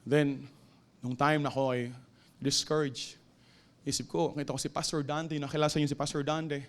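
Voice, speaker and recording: A man with a Filipino accent preaching a sermon in a church, swinging between shouted exhortation and low, quiet storytelling. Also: level tone, a little fast. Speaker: pastor. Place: church sanctuary.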